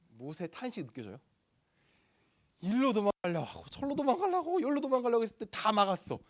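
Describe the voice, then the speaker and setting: Lively young male youth pastor. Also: a little high. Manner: lively, playful, acts out voices in the story. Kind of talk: sermon to a youth group.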